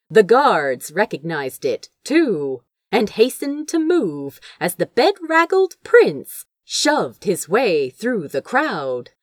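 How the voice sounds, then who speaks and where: A woman with a mid-range voice reads fan fiction aloud as an audiobook, giving it dramatic, theatrical, expressive narration. The sound is clean studio quality with no echo.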